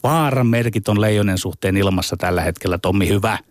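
A man's voice: low-pitched, dry recording, clean studio sound. A man co-hosting a sports debate show, delivering prepared arguments with theatrical, sardonic, mock-archaic rhetoric. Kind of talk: scripted polemical argument.

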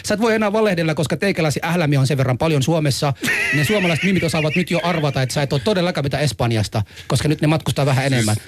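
A man's voice: a little high, noisy background. A man co-hosting a casual chat show, teasing and steering the talk. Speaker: co-host.

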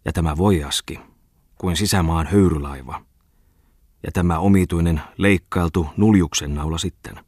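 A jovial, boastful collector in a storybook reading, as a male narrator puts him on. He talks with a low, hearty voice, lively and pleased with himself. The sound is close and dry. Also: husky, dry recording.

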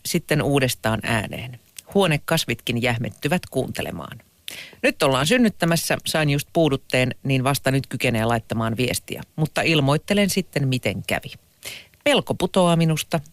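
Lively male press review reader. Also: medium pitch, no room sound. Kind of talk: reading newspaper excerpts on radio.

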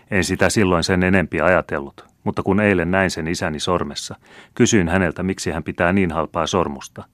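A man's voice: low voice, a bit bright, no echo. A man reading a dreamy, bitter seventeen-year-old count who speaks with passion in an audiobook. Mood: urgent. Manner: impassioned, bitter.

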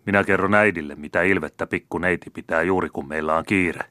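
A man's voice: low voice, fairly even intonation, pushed and bright, no echo, studio quality. A man voicing a grumbling, peevish old gardener in a storybook reading.

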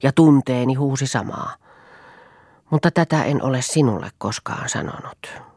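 A woman's voice: a bass voice, darkish tone, breathy edge, no room sound, clean studio sound, heavily acted. A woman reading the lines of a brooding, melancholy young woman in an audiobook, with earnest, sorrowful delivery. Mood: sorrowful, bitter.

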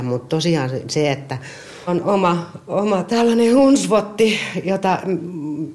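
A middle-aged woman chatting casually about her dog, lively and often stumbling over repeated words. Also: low-pitched. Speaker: dog owner interviewee. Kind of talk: casual personal storytelling.

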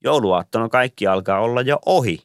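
A man's voice: mid-range voice, lively intonation, smooth, dry recording, clean studio sound, voice pushed up, lightly acted. A man voicing a long-winded, pompous old male Santa Claus in an audiobook reading, rambling on like a lecturer. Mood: teasing.

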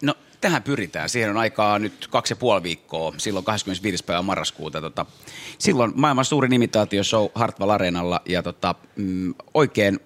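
Deep-voiced male guest. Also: lively intonation, a bit bright. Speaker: guest, impressionist. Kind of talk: casual interview answers. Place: restaurant.

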